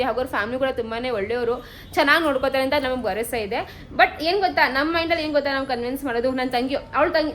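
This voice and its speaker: A woman's voice: high voice, fairly bright tone, a little hiss or hum. A young woman vlogging in a casual, chatty way, mixing English words into her talk and coaxing her relatives. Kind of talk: casual vlog chat.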